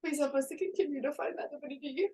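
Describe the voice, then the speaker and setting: Woman, high voice, tearful public prayer, a bit distant from the mic. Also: quick pace, dark tone. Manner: emotional, earnest.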